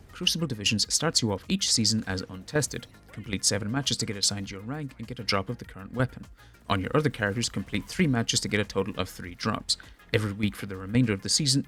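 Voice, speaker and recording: A man reading a scripted, measured commentary on game balance for a gaming video. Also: lowish voice, fairly bright tone. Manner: measured, explanatory.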